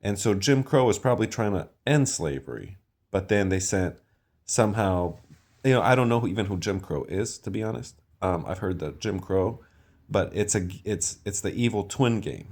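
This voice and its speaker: Man with a deep voice, talking to camera in a meandering, unsure ramble. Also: animated, normal speed, a little mellow. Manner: hesitant, trailing off, many fillers.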